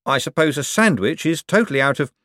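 A slippery young con man talks in wry, hedging bursts, pitched slightly up with lively swings in his voice. He is a charming storybook rogue, as the male narrator puts him on. The sound is close and dry. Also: fast talker, no room sound. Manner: hesitant, wry and evasive.

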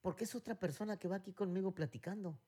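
A man's voice: high voice, fast, warm tone, husky. A middle-aged man with a Mexican accent, co-hosting a casual chat and rambling through stories with many fillers and restarts. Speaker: podcast co-host.

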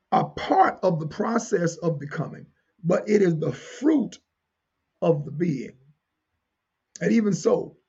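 Delivering an instructional sermon, this male preacher has a high-pitched voice that is noticeably raspy and crackling with gravel, though a little mellow too. He speaks with deliberate emphasis, repeating central phrases and questioning his listeners. Sound quality is slightly muffled.

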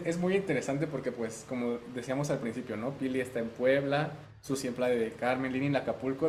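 A man co-hosting a podcast, reflecting calmly on what the guests say. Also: mid-range voice, a little hiss or hum. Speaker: podcast co-host. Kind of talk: casual interview chat. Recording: roomy echo.

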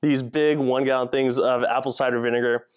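A podcast host talks eagerly and casually, laughing often and sprinkling in lots of "like." His medium-pitched voice is smooth and steady in tone, and he speaks fairly quickly.

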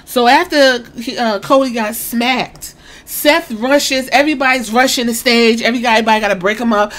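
A woman excitedly retelling a wrestling press conference in casual, profane storytelling, acting out what each man said. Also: fairly high pitch, a little fast. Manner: excited, swears a lot, acts out quotes.

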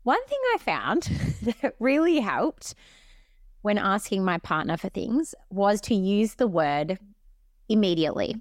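A woman's voice: medium pitch, very animated, unhurried, no room sound, clean studio sound. A woman co-hosting a podcast in casual chat, blunt and swearing offhandedly while giving advice. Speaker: podcast co-host.

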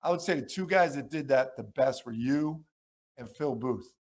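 This muffled recording captures a man in his sixties, a retired basketball coach appearing as a podcast guest. His voice is medium-pitched and his pace normal as he animatedly tells stories in a casual conversation, acting out the quotes.

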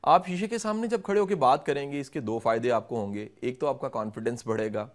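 Middle-aged man, interview guest, patient explainer who turns to address the viewers, mid pitch. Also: brisk. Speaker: guest speaker on communication. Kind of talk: instructive interview answers.

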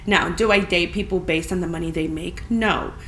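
A woman's voice: lowish voice, moderate pace, fairly bright tone. Woman podcaster in a big, echoey room. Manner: candid, informal, emphatic storytelling. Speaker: podcast host. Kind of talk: casual chatty solo podcast. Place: friend's spacious apartment, indoors. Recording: big echoey room, clear background noise.

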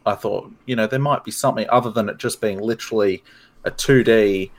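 A man's voice: fairly low pitch, a little fast, a little hiss or hum. An Australian man chatting casually on a podcast in a rambling, occasionally sweary way.

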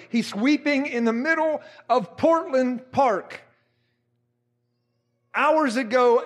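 A middle-aged man with a high voice preaches by telling a story. He is animated and mimics the people he describes, bringing their words to life as he goes. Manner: animated, acts out quotes of others. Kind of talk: sermon storytelling.

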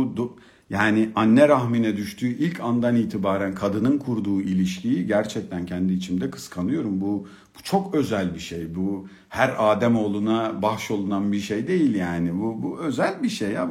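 A middle-aged man telling a humorous personal story about being a father, in an expressive, colloquial manner. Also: mid-range voice, gravelly. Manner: expressive, humorous, colloquial, swings from hushed to excited. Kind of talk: storytelling talk.

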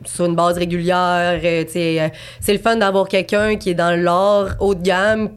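A woman's voice: fairly low pitch, steady tone, normal speed, clear, resonant tone. A woman aged twenty-eight with a Quebec French accent, talking casually and at length as a guest artist in an interview, with lots of fillers and restarts. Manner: chatty, rambling, many fillers and restarts.

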